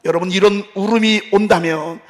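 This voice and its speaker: A man preaching a sermon as pastor, passionate, moving from hushed talk to loud outbursts. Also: high voice, fairly even intonation, fairly quick. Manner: impassioned, swings from hushed to shouting.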